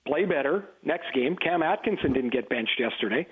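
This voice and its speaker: A man's voice: on the high side, moderate pace. A man, a former player, telling locker-room stories in casual sports radio chat and mimicking old teammates. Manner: animated storyteller, mimics teammates. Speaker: guest analyst, former player. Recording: tinny phone-line sound.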